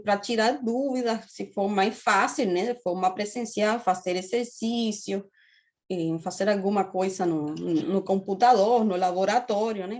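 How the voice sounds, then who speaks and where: A woman in her thirties from Cuba with a Cuban accent, giving a university lecture on a video call and explaining steadily, often checking in with her students. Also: on the high side. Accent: Cuban Spanish. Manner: explanatory, often tags phrases with "né?". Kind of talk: online class lecture.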